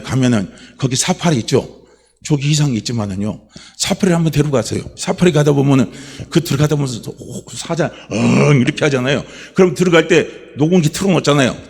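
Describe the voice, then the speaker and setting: A male pastor preaching a Sunday sermon in a church, his delivery swinging from low, quiet murmurs to loud, shouted declarations. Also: breathy edge, in a large hall. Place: church sanctuary.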